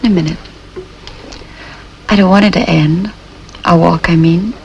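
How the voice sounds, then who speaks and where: Woman acting a humbled rich young woman, film dialogue, fry in the voice, dramatic, confiding, slightly noisy soundtrack. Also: fairly low pitch, fairly even intonation, normal speed, a little mellow, lo-fi sound, lightly acted. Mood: wistful, confiding. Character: spoiled young heiress, wistful and newly humbled.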